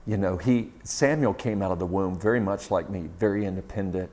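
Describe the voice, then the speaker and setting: A man's voice: low voice, brisk, a little mellow. A middle-aged man telling a personal story in a sermon, in a conversational, laughing storyteller's manner.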